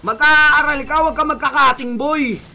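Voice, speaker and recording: A young man streaming a game and trash-talking an opponent, taunting and bursting into shouted insults. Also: very high voice, moderate pace, gravelly, soft background music. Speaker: gaming streamer. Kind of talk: mocking trash talk over game voice chat.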